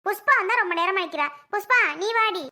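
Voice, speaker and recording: A woman's voice: extremely high pitch, expressive, a little fast, bright, forceful tone, heavily acted. A woman playing a bossy village aunt who scolds and taunts the other women in a skit. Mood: taunting.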